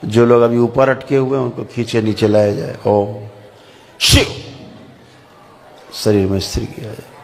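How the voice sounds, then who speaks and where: A man calmly guiding a group through a meditation session, giving slow spoken instructions. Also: mid-range voice, vocal fry, slight background noise. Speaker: meditation guide. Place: large hall with a gathering. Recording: echoey hall, faint ambience.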